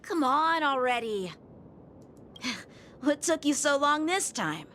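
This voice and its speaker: A woman's voice: high voice, sing-song, slow, a bit bright, heavily acted. An actress playing an earnest, easily exasperated young swordsman in a video game. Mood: indignant. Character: indignant, earnest young man, a proud sword trainee. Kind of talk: scripted video game dialogue. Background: faint game music.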